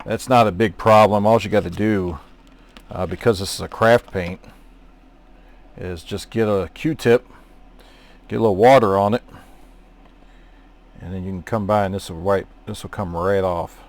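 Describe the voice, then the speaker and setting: A man casually narrating his scale model painting, talking in a relaxed, rambling way with many fillers. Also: on the low side, moderate pace, pauses often. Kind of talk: casual hobby tutorial narration.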